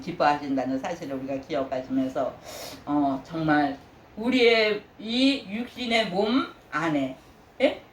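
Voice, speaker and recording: Woman pastor, lively sermon, asks the congregation questions, distant mic, roomy church echo. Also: slight background noise. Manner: animated, acts out God's praise in a high voice. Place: church sanctuary.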